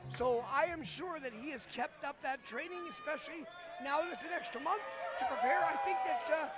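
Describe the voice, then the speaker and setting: A male wrestling commentator speaks in a very high, strained voice, hoarse as if nearly lost. He calls the show live from ringside. Loud music plays behind him. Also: expressive, a little fast.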